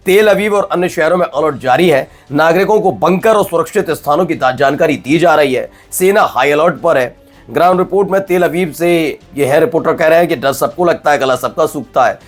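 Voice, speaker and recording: A man presenting news commentary in a conversational, animated way, with frequent restarts. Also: a little high.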